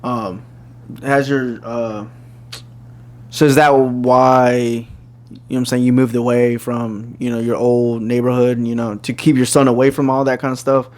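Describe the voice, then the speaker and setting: A man's voice: medium pitch, level tone, moderate pace, a little mellow. A man working as an interviewer, asking questions in a casual, conversational way.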